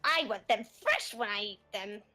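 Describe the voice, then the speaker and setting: A woman's voice: mid-range voice, very animated, moderate pace, bright, forceful tone, soft background music. A woman voicing a greedy elderly witch who snaps and then relishes her cruelty. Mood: gloating. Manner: snapping, relishing. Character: greedy elderly witch, gleeful man-eater.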